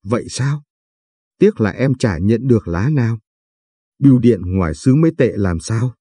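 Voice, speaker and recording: A man's voice: medium pitch, lively intonation, normal speed, breathy edge, no echo. Man reading as a timid, sweet young woman. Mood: hurt, gentle. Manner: soft, timid and polite.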